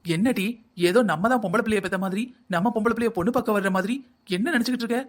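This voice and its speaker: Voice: mid-range voice, very fast, lightly acted. A performer voicing a grumbling older husband in a family cartoon, nagging his wife in a South Tamil Nadu accent. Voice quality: scolding, nagging. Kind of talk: cartoon family comedy acting.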